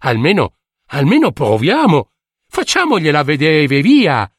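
A man voicing a troubled, gentle king who muses aloud. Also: on the high side, wildly swooping pitch, measured pace, slightly rough, dry recording, studio quality, heavily acted. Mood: musing.

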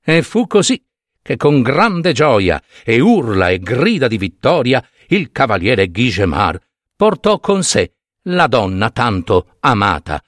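A man narrating a medieval tale in an expressive, measured reading. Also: mid-range voice, dry recording, studio quality. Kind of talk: storytelling reading.

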